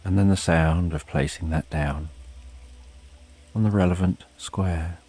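A man narrating a bedtime sleep story in a calm, soothing, unhurried way with long pauses, as a sleep story narrator. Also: low voice, slightly rough. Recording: soft rain behind the voice. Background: rain.

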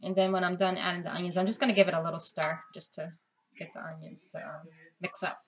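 A woman in her thirties with a lowish, fairly monotone voice talks quickly through a casual, chatty home cooking vlog, guiding viewers step by step while her hands stay busy. She's indoors in her home kitchen, picked up by a built-in camera or phone mic within arm's reach. The audio is dull and lo-fi, with loud noise and clicking.

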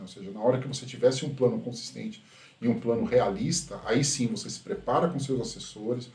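A man's voice: medium pitch, a little mellow. A man hosts a casual tech commentary. He is critical and keeps tagging his sentences with a questioning "right?". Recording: roomy echo from a distant mic.

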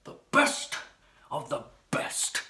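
A man playing a cocky, ranting comic pro wrestler in a theatrical wrestling promo, gravelly and swinging between hoarse whispers and shouts. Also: takes it slowly. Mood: taunting. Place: small bedroom, indoors.

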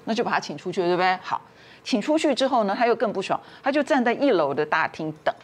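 A woman's voice: medium pitch, sing-song, fast. A woman, a talk show guest telling a family story and acting out the quarrels in raised voices.

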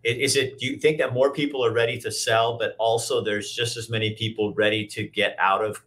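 Speaking in a mid-range, flat, fairly bright voice at a slightly fast clip, a host in his fifties chats casually with a guest over a webcam video call. He sits in a brick-walled office and rambles loosely, often restarting his sentences.

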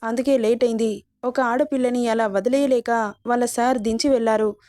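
A loving, protective old grandmother speaks in a soothing, consoling way, as a woman reads her part. The storybook voice is somewhat high and sounds dry and close. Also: steady tone, normal speed, a little mellow, dry recording, lightly acted. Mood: indignant.

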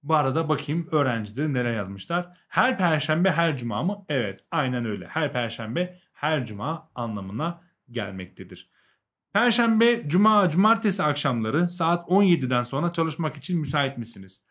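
A man's voice: on the high side, lively intonation, normal speed, fairly bright tone. A young adult man with a Turkish accent teaching a live language lesson, explaining, translating and repeating key words for learners.

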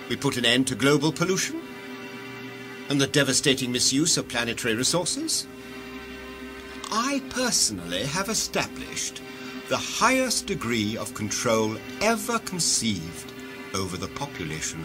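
A male actor with a medium-pitched voice plays the imperious head of a world-ruling cartel in a sci-fi audio drama, sounding grandiose and commanding like an orator.

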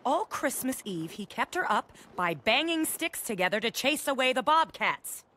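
A woman's voice: fairly high pitch, very animated, normal speed, pushed and bright, no echo. A woman voicing a frazzled middle-aged mother in a cartoon, harried and snappish. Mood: exasperated. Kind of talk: animated cartoon voice acting.

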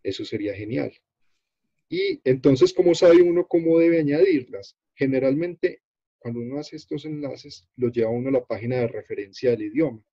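A Colombian man runs an online workshop over a video call and walks through a page on screen. His voice is dark and mellow with a husky edge. The audio is dull and dry, with no room sound. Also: mid-range voice, expressive, no room sound. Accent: Colombian Spanish. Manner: unhurried, halting, many fillers and restarts. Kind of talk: explaining a screen-shared web page.

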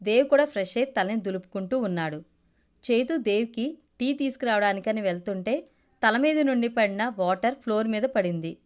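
Woman storyteller, audiobook narration, steady measured pace, fairly high voice.

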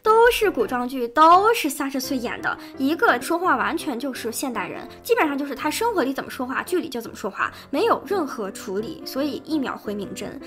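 Lively, high-voiced woman critic. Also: a little fast, few pauses, faint music behind. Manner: sharp and sarcastic. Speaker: video commentator. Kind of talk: critical video commentary.

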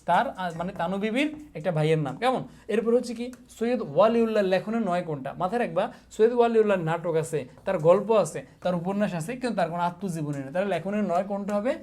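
Teasing coaching teacher. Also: male voice, high-pitched, lively intonation, fast, few pauses, darkish tone. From Bangladesh. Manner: teasing, repeats questions, mock threats, drills students. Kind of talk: casual exam-prep class.

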